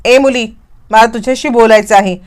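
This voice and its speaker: A woman's voice: on the high side, normal speed, natural voice. A woman reading the lines of Saroj, a stern, suspicious mother-in-law in a serial recap. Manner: scolding, suspicious.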